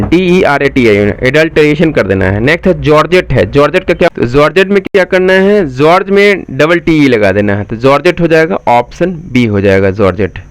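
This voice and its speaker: A man with a Bihari Hindi accent teaches a spelling lesson for competitive exams, with a voice pitched a little high. He drags each word out letter by letter, then rattles through the meaning. The recording is dry and close, with no room sound. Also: clear, resonant tone, no room sound. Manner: spells words slowly letter by letter, then explains quickly; asks the viewers questions and answers them himself. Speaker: exam coaching teacher.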